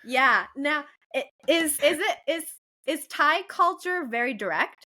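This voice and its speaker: Bright-voiced woman hosting an interview. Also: sits high, animated. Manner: encouraging, quick to laugh along. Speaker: interview host. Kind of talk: casual interview chat.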